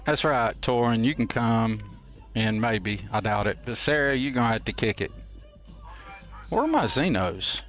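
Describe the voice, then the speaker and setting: A man's voice: mid-range voice, normal speed, a bit bright, faint music behind. A man hosting a game stream with casual, folksy, playful and rambling commentary. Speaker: host of a gameplay livestream.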